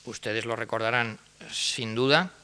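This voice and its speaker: A man's voice: medium pitch, a little slow, sharp tone, clean tone. A man giving an academic lecture, explaining step by step and speaking directly to his audience.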